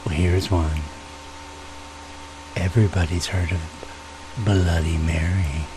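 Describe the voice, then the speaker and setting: A soft-spoken, folksy man telling ghost stories in an unhurried ASMR style, sometimes dropping into a whisper. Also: low-pitched, level tone, background noise. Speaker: storyteller, ASMR host.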